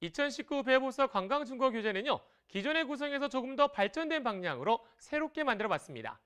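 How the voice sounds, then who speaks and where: A woman teaching Chinese in a broadcast lesson, lively and encouraging as she explains tones and patterns. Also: high voice, quick pace, clean tone.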